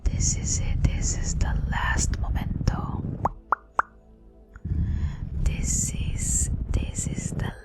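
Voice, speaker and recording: A young woman whispering through a casual ASMR livestream chat, slangy and repeating words softly. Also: drawn-out words, pauses often, loud music behind the voice. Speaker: ASMR streamer.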